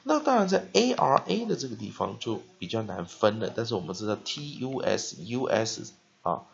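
A male English teacher giving a vocabulary lesson, spelling words letter by letter and repeating them slowly. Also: on the low side, big pitch swings, creaky, highs cut off.

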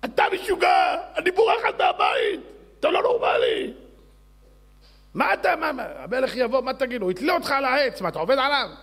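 A man doing a shrill panicking wife. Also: very animated, few pauses, sharp tone, heavily acted. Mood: frantic. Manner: screeching, frantic, scolding. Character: shrill panicking wife, middle-aged woman, nagging.

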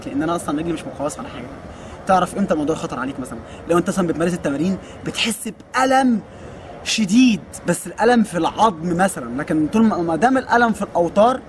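A kung fu coach in his twenties with an Egyptian Arabic accent answers viewer questions in a casual Q&A, joking and teasing. His voice is high, and the recording has a little hiss or hum.

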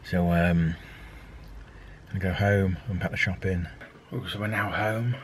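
A man's voice: sits low, fairly even intonation, unhurried, slight background noise. A man in his thirties chatting casually to a handheld camera, rambling and hesitant with many ums. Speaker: vlogger. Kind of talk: casual daily vlog. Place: outdoors in a park, then in a car, then at home. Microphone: handheld camera at arm's length.

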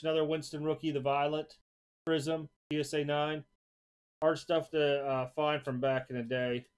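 A man's voice: on the high side, clear, resonant tone. Easygoing man showing trading cards. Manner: easygoing, rambling, repeats words. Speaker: sports card seller hosting an auction preview. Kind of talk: casual card showcase narration. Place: home card room, indoors.

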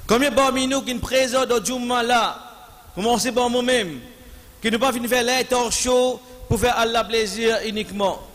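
A man's voice: very high-pitched, a bit bright. A middle-aged man giving a Friday sermon, stretching out words for emphasis and weaving in Arabic recitation. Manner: slow, drawn-out emphasis mixing Arabic recitation into French. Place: large mosque hall, standing at pulpit. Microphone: stand microphone. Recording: long hall reverb.

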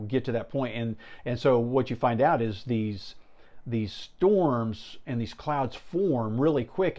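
A man's voice: medium pitch, darkish tone. A middle-aged American man in his fifties chatting casually on a solo podcast, telling stories in a rambling, conversational way. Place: small indoor room with brick wall and shelves. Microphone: lapel mic.

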